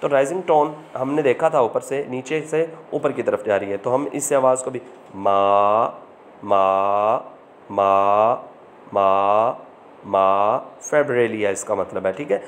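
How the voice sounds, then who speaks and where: A man's voice: medium pitch, moderate pace, few pauses, a little mellow, a little hiss or hum. A man giving an online lesson over slides, asking questions aloud and repeating the answers. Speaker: language teacher.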